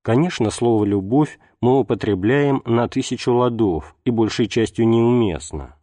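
A man reading a religious text aloud as an audiobook narrator, in a measured, unhurried way. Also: medium pitch, warm tone, no room sound. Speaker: audiobook reader.

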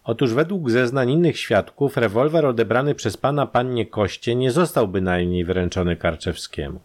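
A man voicing a calm, dry, persistent police detective who questions with pointed emphasis. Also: medium pitch, normal speed, pitched above the performer's own voice, close to an everyday voice. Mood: probing.

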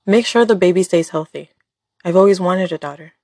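A woman's voice: on the low side, brisk, a little mellow, no room sound, studio quality. A woman voicing a cruel older male crime boss, curt and commanding, in an audio drama story. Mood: cold menace.

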